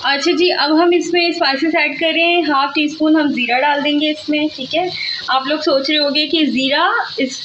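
A woman's voice: sits high, fairly even intonation, moderate pace, a bit bright, dull audio, a little hiss or hum. A woman from Pakistan with a Pakistani Urdu accent, explaining a recipe step by step in a chatty home-cooking style at her kitchen stove, filming on a handheld phone. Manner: chatty, step-by-step, repeats "theek hai". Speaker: cooking vlogger. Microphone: handheld phone camera.

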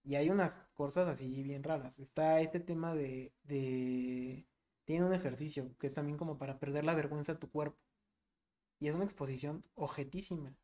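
A young Mexican man co-hosting a podcast, talking casually and swearing freely. He tells his story with animation, in an easy, relaxed chat. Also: on the high side, normal speed. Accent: Mexican Spanish. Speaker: podcast co-host.

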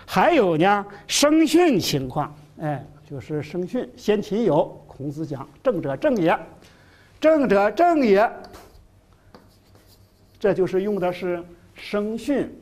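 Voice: medium pitch, big pitch swings, slow pace, darkish tone. A middle-aged lecturer giving a classroom lecture, full of fillers, who repeats key phrases and stretches out terms for emphasis. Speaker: university lecturer.

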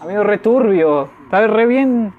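A man's voice: high-pitched, animated, measured pace, narrow, tinny audio. A man with a Rioplatense Argentine accent giving casual let's play commentary, slangy and swearing, yelping when scared. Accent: Rioplatense Argentine Spanish. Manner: slangy, swears, yelps in panic. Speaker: gamer.

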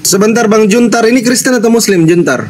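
A man moderates the debate with polite, formal greetings and invites each speaker in turn. His voice sits a little high. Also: animated, fairly quick, darkish tone, a little hiss or hum. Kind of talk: moderating a live online debate.

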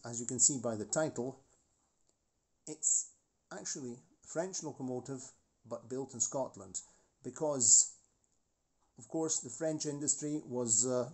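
A man's voice: medium pitch, darkish tone. A man in his forties hosting a model railway channel, talking casually and rambling about a model locomotive, with many restarts and asides. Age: 40s.

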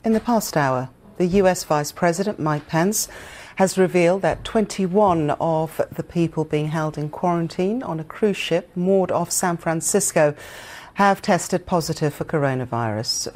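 A woman presenting the news from a television studio, composed and crisp in her formal delivery. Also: sits low, darkish tone. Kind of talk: news reading.

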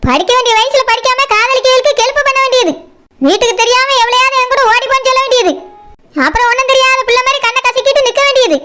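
A voice actor playing a fierce village aunt who rapidly scolds and accuses a girl, with a Tirunelveli Tamil accent, in a high cartoon voice. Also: slight background noise. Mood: angry. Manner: fast, sharp accusing scolding. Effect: high sped-up cartoon voice.

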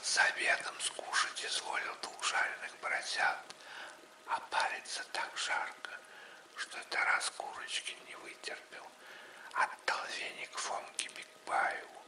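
A man's voice: a little slow, bright, forceful tone, roomy sound, rough recording. Man as a gossipy Cossack, whispered role-play right in your ear. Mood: awed, gossipy.

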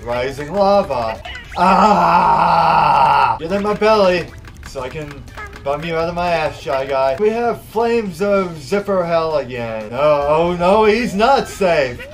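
A young man giving excitable, profane let's play commentary, gushing and emotional about the game. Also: fairly high pitch, measured pace, faint music behind. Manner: excitable and profane, swearing often. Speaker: gameplay commentator.

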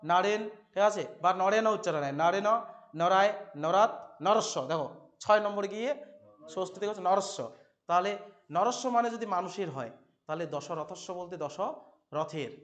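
A man's voice: high voice, a little fast, dull audio. A man with a Bengali accent teaching a Sanskrit translation lesson, asking questions and answering them himself and repeating the key words. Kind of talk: classroom lesson explaining translation.

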